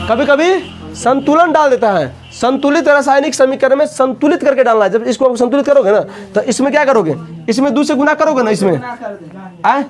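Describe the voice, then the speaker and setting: A man teaching a coaching class, often asking students questions and repeating the answers. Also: extremely high pitch.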